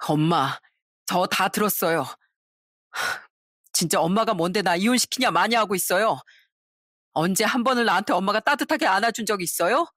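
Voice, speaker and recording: A woman's voice: medium pitch, lively intonation, normal speed, a bit bright, dry recording, clean studio sound. A woman voicing a young husband who bluntly accuses his mother. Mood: accusing. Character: young adult husband, blunt and resentful son.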